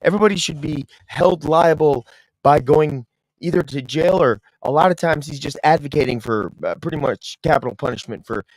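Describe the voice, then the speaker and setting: A man's voice: on the high side, normal speed, no echo, low-quality recording. A young man hosting a casual stream, rambling with restarts and mocking a clip he is watching. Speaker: streamer host.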